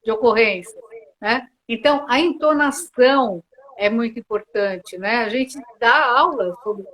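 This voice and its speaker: A woman's voice: on the high side, measured pace, fairly bright tone, low-quality recording. A Brazilian woman mediator answering interview questions earnestly, often restarting with hesitant fillers, on a video call. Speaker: mediator and guest.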